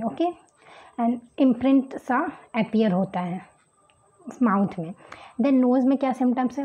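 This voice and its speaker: A woman teaching homeopathy, slowly reading English terms from a book and explaining them in Hindi with frequent "okay"s. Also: fairly high pitch, dark tone, slightly rough, low-quality recording. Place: indoors at a table, book and pen on camera.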